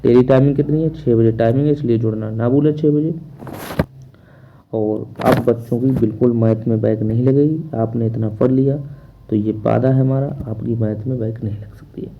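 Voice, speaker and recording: A man's voice: medium pitch, steady tone, moderate pace, phone-quality sound, a little hiss or hum. A man teaching a math class online, asking questions and answering them himself in a repetitive drilling manner.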